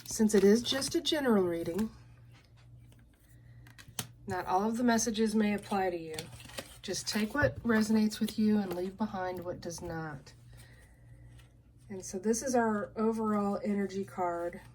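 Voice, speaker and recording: A woman lays out and explains cards at an unhurried pace, her voice gentle and patient. Her pitch sits in an ordinary middle range. A faint hum of room noise runs under the recording. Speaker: card reader. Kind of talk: relaxed card-reading video.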